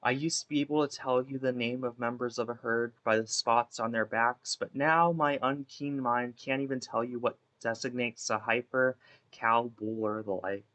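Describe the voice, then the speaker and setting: A man playing a guilt-ridden, imprisoned female ex-baseball pitcher in a wistful, theatrical dramatic monologue that rambles and interrupts itself. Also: steady tone, moderate pace, a bit bright, close to an everyday voice, low-quality recording. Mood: wistful, rambling.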